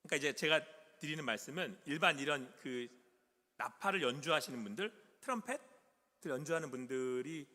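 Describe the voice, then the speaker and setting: A man preaching a sermon as pastor, asking the congregation questions and swinging from loud calls to soft whispers. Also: on the high side, lively intonation, a little fast. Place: church sanctuary. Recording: long hall reverb.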